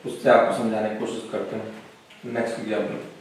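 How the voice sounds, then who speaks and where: In a classroom lecture, a man teaches physics, working through problems step by step and often checking in with his students. His voice is on the low side, with a flat delivery at normal speed. The echoey recording picks him up from a distance, with slight background noise.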